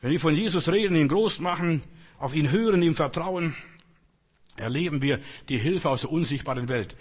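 A man's voice: fairly high pitch, normal speed, slightly rough. An older man preaching a sermon, earnest and emphatic with rising outbursts. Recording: long reverb in a hall.

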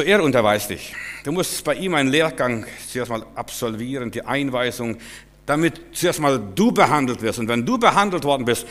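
A man preaching a sermon, swinging between loud exclamations and low, quiet asides. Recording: long hall reverb.

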